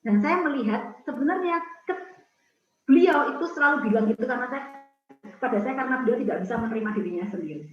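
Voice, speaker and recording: A woman's voice: a little high, expressive, quick pace, faint music behind. A middle-aged Indonesian woman giving a storytelling talk to a women's prayer group over a video call, acting out the voices of the people she quotes. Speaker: speaker at a prayer community's Zoom talk. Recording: echoey, dull video-call audio.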